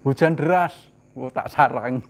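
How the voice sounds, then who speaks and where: A man preaches a sermon at a measured pace, posing rhetorical questions and answering them himself. He swings between loud, emphatic lines and soft, low asides.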